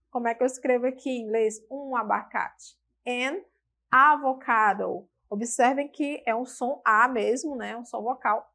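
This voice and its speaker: A woman with a Brazilian Portuguese accent giving a televised English lesson, slowly repeating example words and checking in with her students. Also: on the high side, fairly bright tone. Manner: slow, patient, repeats example words aloud; checks in with tag questions. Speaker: English teacher.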